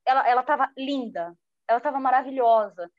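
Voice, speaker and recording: High-voiced woman journalist telling stories. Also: fairly quick, no room sound. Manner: lively, acts out quoted speech. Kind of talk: personal storytelling in an interview. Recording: dull lo-fi dry sound.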